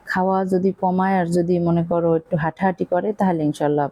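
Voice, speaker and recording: Barishal-accented woman with a low, mellow voice. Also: steady tone, brisk. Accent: Barishal Bengali. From Bangladesh. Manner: chatty, rambling, confiding, many fillers. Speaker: cooking vlogger. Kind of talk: casual chat while cooking.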